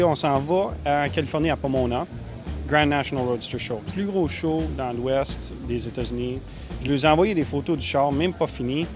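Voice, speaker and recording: A man in his thirties with a Québécois accent, talking earnestly about building cars, with some halting restarts. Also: medium pitch. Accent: Québécois French. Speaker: car builder. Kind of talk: casual interview.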